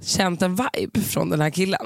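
Animated storytelling man, dry close sound. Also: high voice, gravelly, no room sound. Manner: animated, swears a lot, acts out quotes. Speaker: podcast co-host. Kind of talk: casual chat, telling an anecdote.

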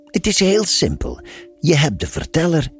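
A man playing a calm, enigmatic storyteller who speaks patiently and gently teases his listeners. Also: fairly high pitch, moderate pace, soft background music, pitched above the performer's own voice.

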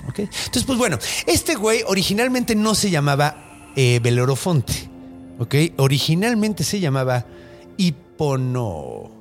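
Animated Mexican man, slangy and joking. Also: sits high, moderate pace, faint music behind. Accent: Mexican Spanish. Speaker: podcast host. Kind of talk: casual chat retelling Greek myth.

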